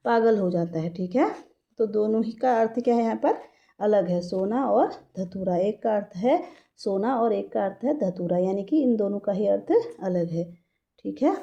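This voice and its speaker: A woman's voice: fairly high pitch, mellow. A woman teaching a lesson, asking her class questions and answering them herself. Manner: reads verse lines slowly and deliberately. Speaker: Hindi teacher. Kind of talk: classroom lesson explaining grammar.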